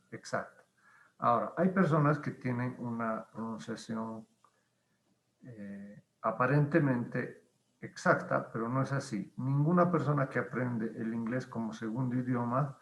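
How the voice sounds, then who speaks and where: Guy teaching english, slow and patient, lots of ums, gravelly voice. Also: mid-range voice, a bit bright, roomy sound, dull audio. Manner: patient, explains slowly with many pauses and fillers. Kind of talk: online class explanation.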